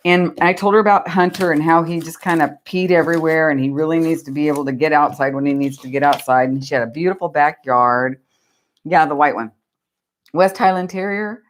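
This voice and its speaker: A woman telling a rambling, chatty story while she crafts, often laughing at her own tale. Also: on the low side. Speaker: craft vlogger.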